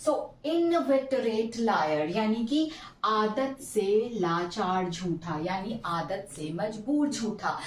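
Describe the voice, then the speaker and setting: A woman teaching English vocabulary, mixing languages and stretching out each word slowly to drill its pronunciation. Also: mid-range voice, lively intonation, a little hiss or hum. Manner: slow, drawn-out pronunciation drills. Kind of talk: bilingual vocabulary lesson. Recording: echoey room, mic at a distance.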